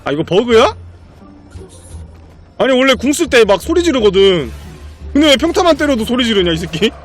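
A male streamer commentating his own live game stream, excitable and profane, laughing often. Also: very high-pitched, normal speed, faint music behind.

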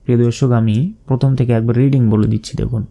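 A man with a Bangladeshi accent teaching recitation, spelling out each letter slowly and deliberately, then drawing out the recited phrases. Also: mid-range voice, steady tone, vocal fry, mellow.

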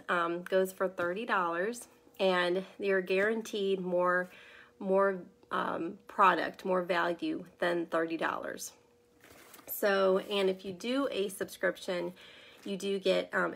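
A woman's voice: fairly low pitch, creaky, a bit bright. A woman talking casually in a live unboxing video. She sounds congested from a sinus infection and chats in a rambling way, full of ums. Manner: chatty and rambling, with many ums. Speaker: product consultant.

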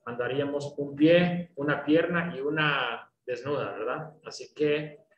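A man teaching English in an online class, explaining patiently and often checking understanding with quick questions. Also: fairly high pitch, fairly bright tone, dull audio. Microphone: video call. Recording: roomy echo, faint background noise.

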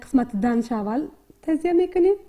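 Young learners are being taught to read by a female primary school teacher whose Afghan Dari accent colors her high, soft, mellow voice, and her intonation is lively. The lesson moves slowly and repeats a lot. She breaks words down into individual sounds and patiently says each one again.

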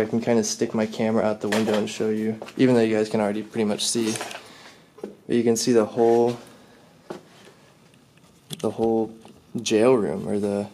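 A man's voice: lowish voice, mellow, slight background noise. A young man casually talking to viewers, curious and chatty, as he walks through a large empty abandoned building with a camera mic. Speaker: urban explorer vlogger. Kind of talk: casual handheld exploration vlog. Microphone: handheld camera mic.

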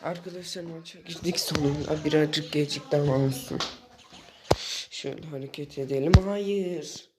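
A young man commentating his own mobile game as he plays, excitable and often exasperated, with quick outbursts. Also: fairly high pitch, heavy background noise. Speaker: gaming channel host. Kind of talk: live gameplay commentary. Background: game music.

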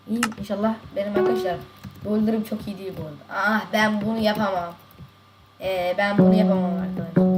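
A young woman casually commenting on her game as a streamer, talking to viewers with quick shouts and laughs. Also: mid-range voice, rough recording. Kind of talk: casual live gaming commentary. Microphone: desk mic picking up mouse and keys. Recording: loud keyboard and mouse clicks. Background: constant typing and mouse clicking.

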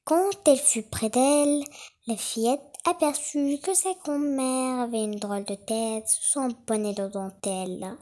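A woman narrating a children's fairy tale in an expressive, dramatic storytelling manner. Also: on the high side, measured pace.

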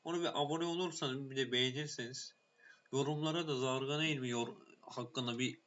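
A man's voice: medium pitch, fairly even intonation, fairly quick, dull audio, a little hiss or hum. Foul-mouthed man commenting on gameplay. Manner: playful, swears a lot, shouts at the game when angry. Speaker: gaming YouTuber.

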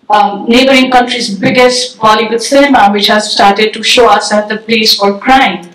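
A woman's voice: fairly high pitch, a bit bright, far from the mic. Earnest young woman in echoey hall. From Nepal. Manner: earnest, formal, with a few restarts. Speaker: graduate student asking a question. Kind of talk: prepared audience question.

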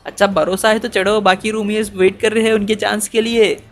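A man giving excitable, chatty gameplay commentary as a channel host, often dropping in English fillers. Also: high voice, a little fast, over loud music.

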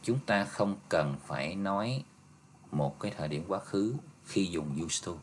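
A male teacher goes through an exam review step by step, patient, ending phrases with soft tags. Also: low-pitched, lively intonation, measured pace, a little hiss or hum. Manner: patient, explains step by step, ends phrases with "ha" and "nha".

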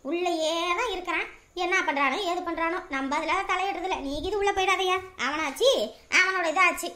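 A woman doing a high bright-voiced village gossip, scolding and chatty. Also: normal speed. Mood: scornful. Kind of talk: Tamil village comedy drama acting.

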